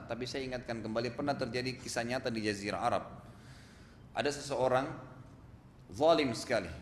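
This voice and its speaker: A male preacher giving an animated storytelling sermon, asking the audience rhetorical questions. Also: medium pitch, a little hiss or hum. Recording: echoey hall, faint ambience.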